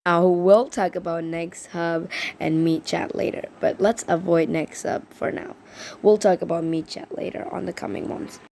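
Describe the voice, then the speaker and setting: A woman in a casual vlog, her voice a little rough from being sick, chatting in a rambling way and correcting herself. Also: lowish voice, fairly even intonation, moderate pace, a little mellow, slight background noise. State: slightly sick voice. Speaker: vlogger presenting an invented world.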